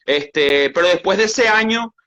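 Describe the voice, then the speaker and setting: A man's voice: high voice, measured pace. A man with a Venezuelan accent, a sports journalist telling his stories in a casual interview with frequent restarts. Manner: animated storytelling with frequent restarts.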